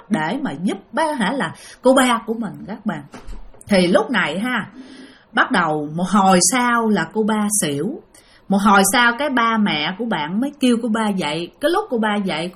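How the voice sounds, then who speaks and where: A woman with a Southern Vietnamese accent telling a ghost story in a chatty, animated way, often addressing her listeners. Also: mid-range voice.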